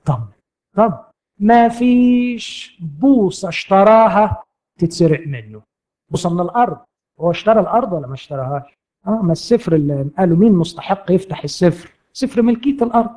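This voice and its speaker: A man with an Egyptian accent preaching an impassioned sermon, swinging between loud declarations and hushed tender lines. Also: high-pitched, expressive, brisk. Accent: Egyptian Arabic.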